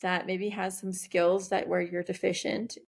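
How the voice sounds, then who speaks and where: A woman's voice: lowish voice, little pitch movement, measured pace, gravelly. A woman co-hosting a podcast, talking in a reflective, rambling way with many fillers and restarts. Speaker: podcast co-host. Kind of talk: casual conversational chat.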